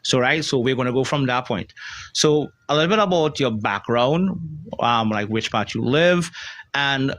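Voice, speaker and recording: A man's voice: medium pitch, moderate pace, fairly bright tone. Rambling upbeat podcast host man. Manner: rambling, repeats himself, upbeat. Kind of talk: podcast interview.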